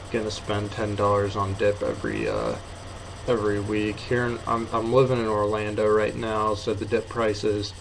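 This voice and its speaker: A young man of eighteen talks in a low, very flat voice, slightly muffled by a lip full of dip. He rambles casually and hesitantly, as in a homemade review. The room recording has audible noise behind him. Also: gravelly. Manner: low-key, hesitant, offhand. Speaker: amateur video reviewer. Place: apartment bedroom. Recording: noisy room sound.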